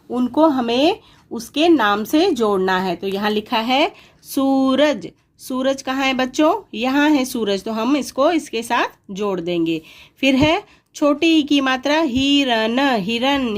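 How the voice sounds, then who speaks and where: A woman teaching a worksheet lesson to young children, patiently sounding out words syllable by syllable. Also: fairly high pitch.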